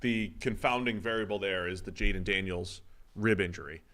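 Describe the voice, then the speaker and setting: This man co-hosts a sports podcast, and his low, slightly bright voice moves at a moderate pace. He thinks aloud through football analysis in a loose, conversational chat.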